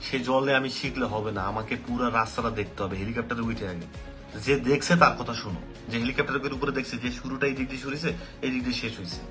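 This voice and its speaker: A man giving an animated talk about learning English, asking rhetorical questions and slipping English phrases into his speech. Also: medium pitch, very fast, music in the background. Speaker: English teacher. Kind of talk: motivational talk to camera.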